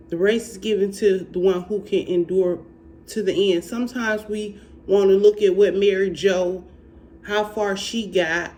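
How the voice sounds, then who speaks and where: A speaker from Alabama with a country Southern accent, talking slowly and haltingly in a personal faith testimony and encouragement vlog. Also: mid-range voice, a little mellow. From Alabama, United States. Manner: slow, halting country drawl. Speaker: faith vlogger.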